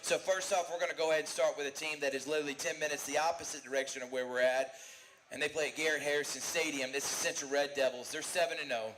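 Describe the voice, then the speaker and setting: A man's voice: on the high side, steady tone, over music, rough recording. A man co-hosting a live sports talk show from a bar, rattling off team rankings with enthusiasm. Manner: fast, enthusiastic rundown of rankings. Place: bar and grill.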